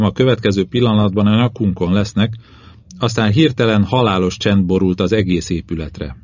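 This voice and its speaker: A man narrating a first-person novel as an audiobook reader, measured and steady. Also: fairly low pitch, no room sound, muffled recording.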